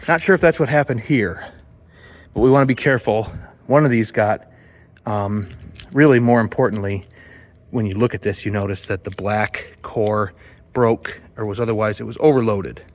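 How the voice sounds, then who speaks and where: A man narrating a build vlog for theater sets in a rambling, chatty way, explaining his work as he goes. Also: mid-range voice. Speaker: set builder. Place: theater stage and workshop.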